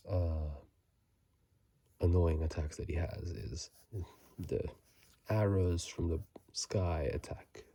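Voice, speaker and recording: A man with a very deep voice, vocal fry, and a breathy edge whispers softly and closely into a phone mic. In an unhurried ASMR style, he reads and chats casually about a video game.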